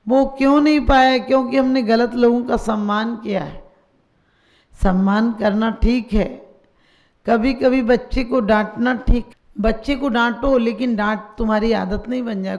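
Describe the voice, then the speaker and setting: Gravelly-voiced woman preaching a sermon. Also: a little high, a little slow, a little mellow. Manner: rhetorical questions and blessings. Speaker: Jain nun giving a sermon.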